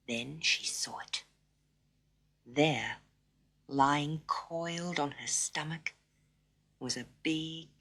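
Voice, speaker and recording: A woman with a deep voice narrates a children's story dramatically. Her reading is expressive and full of suspense, and she often drops into hushed tones.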